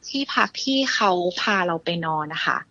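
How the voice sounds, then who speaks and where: A woman's voice: moderate pace, sharp tone, muffled recording. A young adult woman calling in to share a ghost story, talking casually with lots of polite fillers and often addressing the host. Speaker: caller sharing a ghost story.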